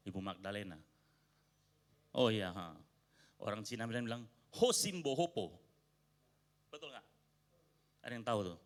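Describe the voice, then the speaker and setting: A man's voice: fairly low pitch, normal speed, long pauses. An Indonesian man, a pastor, preaching a sermon and telling a personal story, acting out quoted arguments with rising emphasis. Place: church sanctuary.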